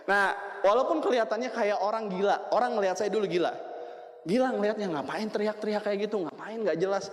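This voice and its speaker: A man with a high voice talks to a seminar crowd about business success. He jokes and keeps putting questions to the room. His words echo with the long reverb of a large hall. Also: quick pace. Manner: lively, jokey, asks the crowd questions. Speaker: motivational speaker at a business seminar. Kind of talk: seminar talk to an audience.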